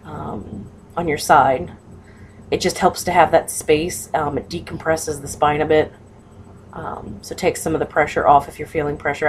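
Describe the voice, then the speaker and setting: Woman, low-pitched voice, casual vlog advice, halting matter-of-fact delivery, some background noise. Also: darkish tone. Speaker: patient sharing surgery recovery advice. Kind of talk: casual personal vlog talk.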